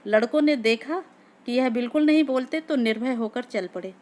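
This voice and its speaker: A woman reading a classic short story aloud in steady, measured narration. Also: on the high side.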